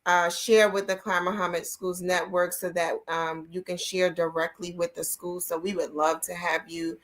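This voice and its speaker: A woman hosting an interview, speaking in a relaxed, thoughtful way with frequent "um" pauses. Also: on the low side. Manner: many "um" fillers, slow and thoughtful. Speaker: host of an online school network talk.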